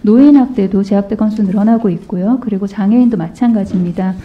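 A woman's voice: mid-range voice, quick pace, highs cut off. A woman lawmaker questioning a minister at a hearing in a firm, pointed way. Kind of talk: parliamentary questioning.

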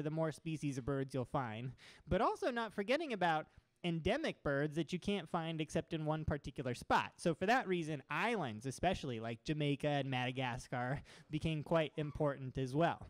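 This young man from Oregon, a guest speaker, speaks on the high side with no echo as he gives a lively slide talk to a seated crowd in a small room. He uses a handheld microphone and gestures enthusiastically with his free hand.

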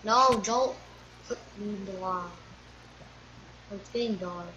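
A woman drifts slowly through a let's-play, half-muttering her thoughts to herself as she explores. Her voice is bright and a little tense. The recording is dull and lo-fi, with a faint hiss underneath. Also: mid-range voice. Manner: muttering to herself while playing. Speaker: gameplay streamer. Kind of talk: casual let's-play commentary.

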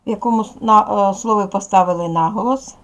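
A middle-aged woman teaches young children in a recorded video lesson, speaking in patient, clear steps. Her voice carries a gravelly fry, and her pitch sits at an ordinary middle height. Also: fast talker. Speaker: primary school teacher.

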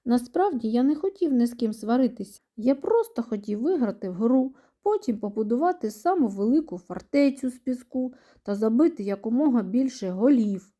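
A woman's voice: a little high, expressive, normal speed, hardly any pauses, mellow. A woman voicing a stubborn little boy mouse who always wants to win, complaining and sulky, in a storybook for small children. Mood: mumbling, sad.

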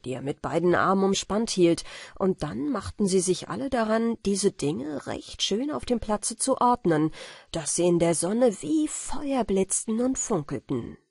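Storybook narrator, woman, husky, calm bedtime reading, dry. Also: mid-range voice, no echo. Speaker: audiobook narrator.

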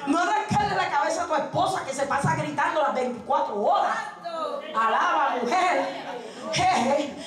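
A woman's voice: high voice, normal speed, a bit bright, some chatter behind. A woman evangelist preaching a sermon, fiery and humorous, calling out to the congregation. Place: church sanctuary. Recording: very echoey church with congregation. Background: congregation answering amen.

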